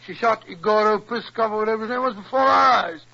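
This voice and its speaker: An actor playing a blustery, loyal British doctor sidekick in a 1940s radio drama. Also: male voice, high voice, quick pace, gravelly, pushed and bright, full character voice. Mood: indignant. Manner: blustery, indignant. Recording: muffled vintage radio recording.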